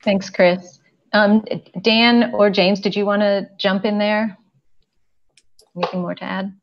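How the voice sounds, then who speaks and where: An older woman moderating a press conference over a video call, talking slowly with many pauses and fillers, on earphones from home. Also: medium pitch, fairly even intonation, slight background noise. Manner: hesitant, filler-heavy, slow. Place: home room indoors. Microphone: earphone headset on video call. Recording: dull lo-fi video call audio.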